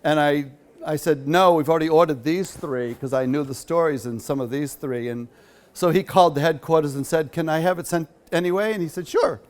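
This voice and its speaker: As the featured speaker at a quilt show in a hall, a man delivers a loose, rambling talk and takes audience questions. His voice is a little high for a man, and he wanders from story to story, filling his pauses with plenty of "uh"s.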